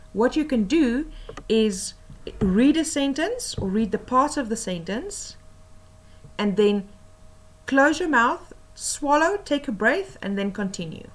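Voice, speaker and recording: Woman, teacher, unhurried lesson, patient explanations, fillers and pauses. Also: on the high side. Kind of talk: recorded lesson on oral reading tips.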